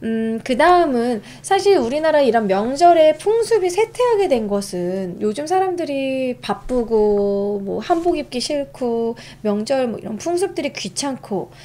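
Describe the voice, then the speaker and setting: A young woman hosts a casual live-stream history lesson, her voice sitting a little high. She swings up and down a lot in pitch as she chats, reads her notes aloud and answers her viewers. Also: warm tone. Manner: chatty, reads out and reacts to chat.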